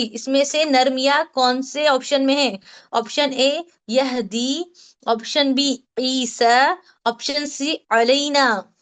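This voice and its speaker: Female tajweed teacher, high voice; patient and repetitive, sounds out each Arabic syllable slowly. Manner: patient, repeats questions and answers, drills Arabic sounds slowly. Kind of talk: online Quran recitation lesson.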